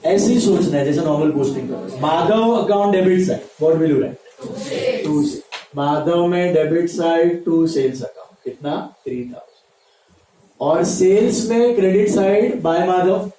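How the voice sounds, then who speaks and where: High-voiced male teacher in echoey classroom. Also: takes it slowly, dark tone. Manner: drills steps by repeating them and quizzing students. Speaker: commerce teacher. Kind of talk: classroom lecture. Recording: echoey classroom mic from far off.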